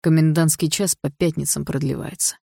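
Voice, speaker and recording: A cold, controlling stepfather who threatens in a calm, condescending tone, read by a woman. The voice sits low and steady. It is recorded close and dry, with no room sound. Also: normal speed, gravelly, husky, no room sound, heavily acted. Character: cold controlling stepfather, middle-aged man.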